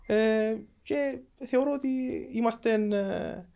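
Higher-pitched Greek Cypriot man in his thirties. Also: gravelly, darkish tone, clear, resonant tone. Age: 30s. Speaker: podcast guest, football agent. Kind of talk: conversational interview.

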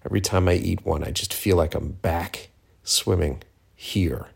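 A man's voice: low-pitched, a little slow, gravelly, husky. A man from Cape Cod speaking in a casual, rambling monologue, candid and sweary with slangy asides. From Cape Cod, Massachusetts, USA. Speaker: filmmaker hosting a personal audio journal.

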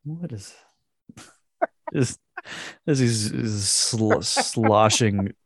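A man's voice: fairly low pitch, lively intonation, drawn-out words, no echo, clean studio sound. A man co-hosting a casual chat, reading a post aloud with crude jokes and frequent laughs. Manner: crude joking, laughing often. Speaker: podcast co-host.

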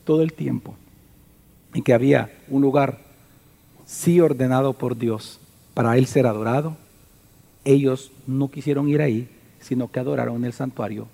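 A man preaching a sermon as pastor, retelling a story with animated energy and asking the congregation questions. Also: medium pitch, vocal fry, breathy edge. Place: church hall. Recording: reverberant hall.

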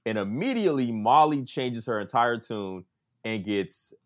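Guy chatting bout a show, animated, keeps quoting people. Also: mid-range voice, measured pace. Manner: animated, acts out quotes of others. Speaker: podcast co-host. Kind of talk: casual chat.

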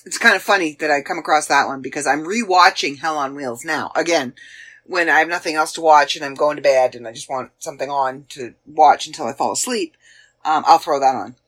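Speaking briskly in a deep, fairly bright tone, a woman in her forties with a Canadian accent reflects on past episodes of her podcast. The chat is casual and meandering, full of fillers as she hunts for words.

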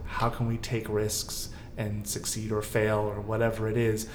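Speaking unhurriedly in a lowish monotone, this man, likely middle-aged, is a guest co-host on a theater podcast, musing aloud and wandering between thoughts in casual panel chat. Faint background noise and a roomy echo fill the recording.

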